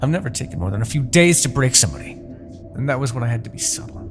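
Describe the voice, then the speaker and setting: In an ASMR roleplay, a man acts out a smug, possessive demon king with haughty, theatrical formality, sounding frustrated and exasperated. His medium-pitched voice races with big pitch swings over music, the dramatic character performance lightly acted.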